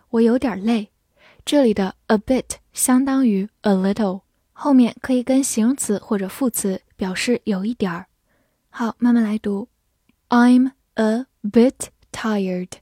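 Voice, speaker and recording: A fairly high-pitched woman with a mellow, dark tone gives a scripted English vocabulary lesson. She speaks clearly and patiently and slows right down for example sentences. The recording is very dry and close, with no room sound. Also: no room sound. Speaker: English teacher.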